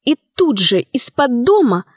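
Woman audiobook narrator, high voice, lively reading, dry close sound. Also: a little slow, husky, no echo.

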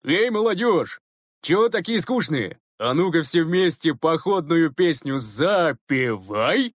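A man's voice: a little high, animated, measured pace, no room sound, studio quality. A man voicing a good-natured, easygoing bus driver in an audiobook. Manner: easygoing, jovial. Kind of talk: audiobook character reading.

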